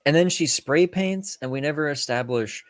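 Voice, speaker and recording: A man's voice: fairly high pitch, moderate pace, no room sound, studio quality. A man co-hosting a film podcast, chatting casually and bluntly, swearing freely and now and then mimicking characters. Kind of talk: casual film review chat.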